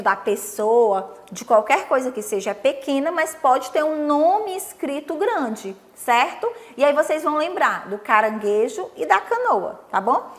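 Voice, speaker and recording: A young Brazilian woman teaching young children on a TV lesson, coaxing and sing-song, counting slowly with them. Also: high voice, a bit bright. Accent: Brazilian Portuguese. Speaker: primary school teacher.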